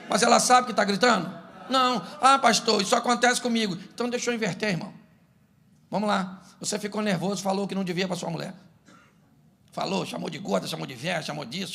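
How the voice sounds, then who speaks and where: Gravelly high-voiced pastor. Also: male voice. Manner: humorous, animated, acts out domestic scenes. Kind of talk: sermon.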